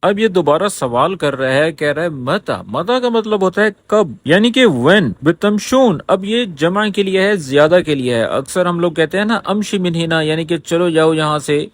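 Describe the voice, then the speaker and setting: Patient male language teacher, slightly high voice. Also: expressive. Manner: patient, checks understanding often; repeats phrases slowly. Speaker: Arabic teacher. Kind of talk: language lesson explaining phrases.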